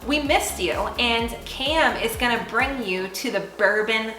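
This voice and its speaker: A bubbly, chatty woman hosts a cooking demonstration in a kitchen. Her voice rings in an echoey room, and loud music plays underneath. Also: fairly high pitch, animated, measured pace. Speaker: cooking show host.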